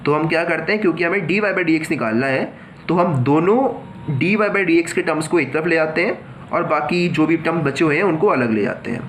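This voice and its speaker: A man teaches a math lesson step by step, mixing Hindi with English and addressing his students as children. He often poses a question and answers it himself. His voice sits on the high side at a normal speed, with a little hiss or hum in the audio.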